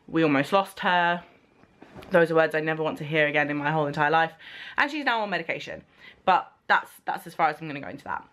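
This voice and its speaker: A woman's voice: low voice, fast, fairly bright tone. Woman vlogging while chewing gum. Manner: breaks off to coo at her baby. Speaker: vlogger and mother of a new baby. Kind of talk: casual vlog chat to camera.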